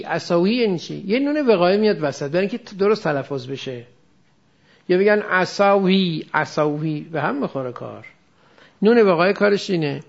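A man with a high, gravelly voice lectures a class. He explains grammar point by point and keeps stopping to quiz his students. The recording sounds dull and muffled. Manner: explains step by step, asks students questions. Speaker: religious studies teacher.

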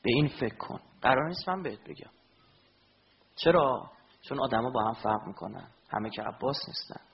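A male preacher giving a religious sermon, swinging between fervent shouting and hushed low tones, asking his listeners rhetorical questions. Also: expressive, gravelly, highs cut off.

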